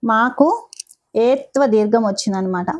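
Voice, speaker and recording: A woman teaching how to pronounce a devotional chant, patiently breaking the names into syllables and repeating them with slow, careful recitation. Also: fairly high pitch, muffled recording. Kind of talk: slow pronunciation lesson.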